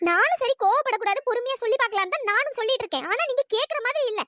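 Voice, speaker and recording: A performer voicing a fiery young female college student in a cartoon, scolding in an exasperated, pitch-raised voice. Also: sing-song, bright, forceful tone, no room sound, studio quality, full character voice. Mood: annoyed scolding. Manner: scolding, exasperated, rapid-fire complaints. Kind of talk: cartoon voice acting.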